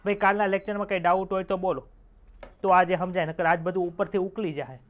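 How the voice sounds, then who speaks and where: A man's voice: sits high, fairly even intonation, fast talker, muffled recording. Joke-telling male teacher. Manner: chatty, tells jokes, quizzes students with rhetorical questions. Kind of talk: online exam-prep lecture.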